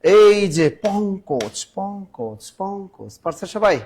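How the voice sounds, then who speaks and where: A man teaching grammar in a live online class, urging students to answer fast and joking between questions. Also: high-pitched, big pitch swings, darkish tone. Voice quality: sings snatches of songs in class.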